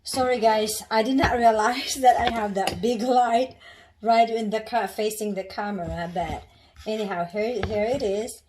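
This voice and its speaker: A woman's voice: on the high side, a little slow, noisy background. A woman from the Philippines casually talking through a home cooking demonstration in her kitchen, rambling and restarting often. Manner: chatty, rambling, with many restarts and fillers.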